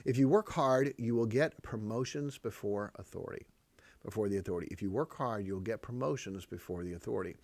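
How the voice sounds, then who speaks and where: A man's voice: on the low side, brisk, darkish tone, no echo. A man hosting a parenting podcast, teaching proverbs in an emphatic, repetitive way and chuckling often. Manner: emphatic, repeats key phrases, chuckles often. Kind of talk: preachy parenting talk on proverbs.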